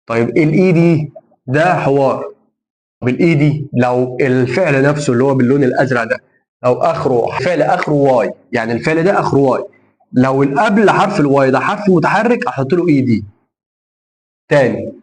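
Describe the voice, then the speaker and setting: A man's voice: medium pitch, darkish tone. A young man with an Egyptian Arabic accent, teaching English grammar to middle school students. He repeats each rule and asks "okay?" before answering it himself. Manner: repeats rules and asks himself questions like tamam? then answers.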